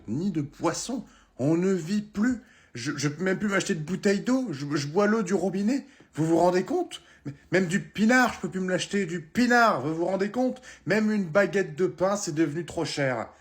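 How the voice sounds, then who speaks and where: A man's voice: fairly high pitch, close to an everyday voice. A man playing an old retired man in a comic sketch, rambling and muttering complaints with lots of filler. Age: older. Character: grumbling old male pensioner, nostalgic and sour.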